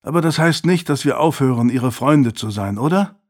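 A man's voice: medium pitch, expressive, normal speed, pitched above the performer's own voice, natural voice. A man reading as a sarcastic teenage boy. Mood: earnest. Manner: sarcastic, defiant. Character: sarcastic defiant teenage boy, nearly fifteen. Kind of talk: audiobook character voice.

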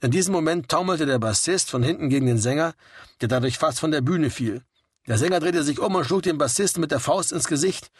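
A man reading a story aloud in a steady, wry narrating manner. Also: fairly high pitch, brisk, slightly rough, dry recording, clean studio sound. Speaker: audiobook reader. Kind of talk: scripted narration.

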